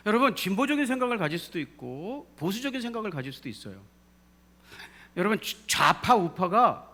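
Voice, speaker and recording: In a church sanctuary, a male pastor preaches a sermon, drawing responses from the congregation and building to emphatic peaks. His voice sits high and sounds pushed and bright.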